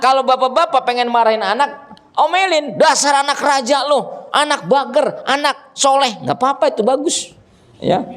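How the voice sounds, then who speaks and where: A man preaching a religious lesson to a gathering, animated and joking with the audience, acting out scolding parents. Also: mid-range voice. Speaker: ustadz teaching a religious study group. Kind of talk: sermon. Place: gathering with children and fathers present.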